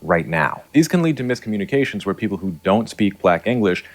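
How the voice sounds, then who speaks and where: A man with a very low voice delivers scripted educational narration. He is articulate and academic in his wording, explaining language like a lecturer and slipping into dialect for his examples. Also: big pitch swings, a little fast. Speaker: linguistics explainer.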